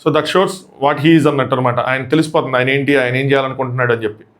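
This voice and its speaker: A man with a Telugu accent giving a quick, animated review of a reality show episode, acting out the contestants' lines. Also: mid-range voice. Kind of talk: fast episode review commentary.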